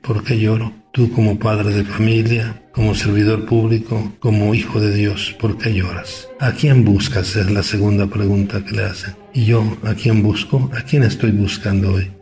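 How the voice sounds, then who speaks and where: A man, a bishop, reading a gospel passage and giving a measured, reflective homily full of repeated questions. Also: fairly low pitch, steady tone, darkish tone, soft background music.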